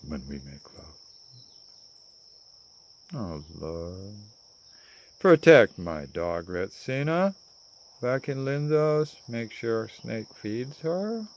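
An older man voicing a dreamy young hippie woman traveler who prays softly and muses aloud, recorded close on a phone camera in a garden outdoors. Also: mid-range voice, very animated, drawn-out words, long pauses, a little hiss or hum, heavily acted. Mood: prayerful.

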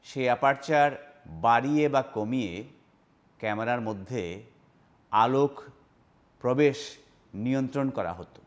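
A man's voice: medium pitch, unhurried, pauses often. A man giving a spoken lecture on phonetics, sounding out vowel examples and speaking straight to the viewer. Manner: demonstrates vowel sounds aloud, addresses viewers directly. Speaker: linguistics lecturer.

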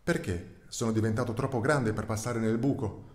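A man's voice: fairly low pitch, moderate pace, natural voice. A man reading aloud, voicing a naive young male calf who pleads and longs for the outside world. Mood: pleading. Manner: pleading, wistful. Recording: roomy echo.

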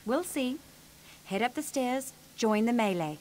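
A woman's voice: on the high side, expressive, a little slow, darkish tone, a little hiss or hum. An actress playing a stern, demanding female officer who oversees a combat trial.

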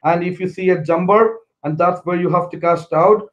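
A fairly high-pitched man speaks in a flat, even tone, pausing often with "uh" and restarting his sentences. He is a middle-aged vlogger from India, giving casual fishing advice from a small living room. The camera mic gives a slightly dull, lo-fi sound. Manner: halting, many fillers and restarts, gestures with hands. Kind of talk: casual how-to talk to camera.

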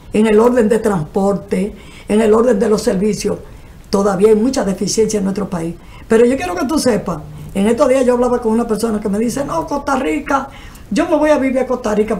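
Speaking into a desk microphone in a TV studio, an older cultural manager from the Dominican Republic joins a panel as a guest, explaining at length with earnest gestures and a Dominican Spanish accent. Her voice is fairly high and a little mellow.

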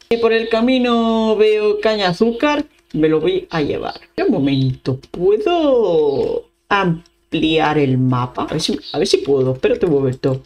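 A young woman from Spain with a Spanish accent, giving chatty, excitable let's-play commentary, talking to her viewers and humming along as she plays. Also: mid-range voice. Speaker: gaming YouTuber.

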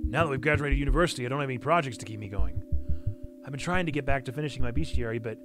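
Man as embarrassed young artist, video game character, broad Italian-American accent, animated pitch, music behind. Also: rapid-fire, close to an everyday voice. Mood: flustered.

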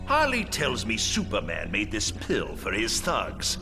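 The Joker, wildly swooping villain. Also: male voice, fairly low pitch, huge pitch swings, a little slow, heavily acted. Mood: grandiose, manic. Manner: theatrical, mocking, grandiose. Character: the Joker, gleeful theatrical madman villain. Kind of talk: video game cutscene acting. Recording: loud music under the voice.

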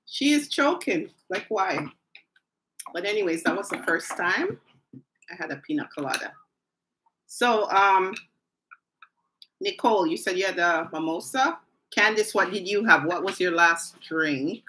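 A woman's voice: mid-range voice, bright, forceful tone, poor audio. A woman hosting a live stream from home, chatting casually, talking straight to her viewers and laughing often. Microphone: phone or camera mic on a live stream.

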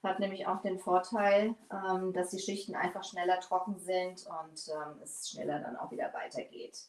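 A woman's voice: on the low side, level tone, normal speed. Chatty woman painting, far from the mic. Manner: chatty, bent over her work while talking. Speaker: furniture painting host. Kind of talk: live painting tutorial. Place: small workshop studio, indoors. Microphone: far camera, no mic seen. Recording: echoey room, voice off-mic.

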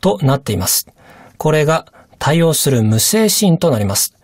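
Very low-voiced woman explaining a lesson. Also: big pitch swings, moderate pace, a little mellow, no echo, studio quality. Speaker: language course instructor.

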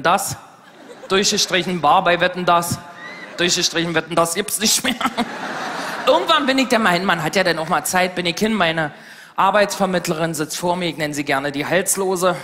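A woman's voice: on the low side, fairly bright tone, slight background noise. A woman performing brash live stand-up comedy and laughing at her own jokes. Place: stage before a live audience. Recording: live hall with audience sound.

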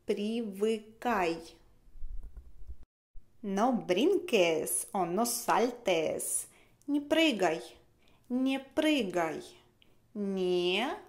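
A woman teaching a language lesson, slowly repeating each phrase for learners to copy. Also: on the high side.

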